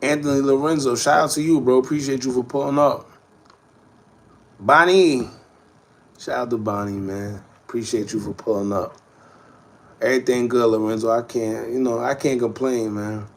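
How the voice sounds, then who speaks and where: A man in his thirties hosts a casual livestream, rambling in slangy street speech as he answers viewers' comments. His voice is medium-pitched and he talks at a moderate pace.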